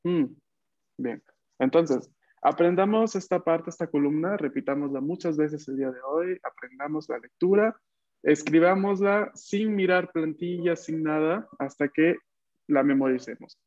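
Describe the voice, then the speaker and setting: A man's voice: fairly high pitch, unhurried, darkish tone, dry recording, muffled recording. A man teaching a Japanese class online, patiently counting out strokes as he writes.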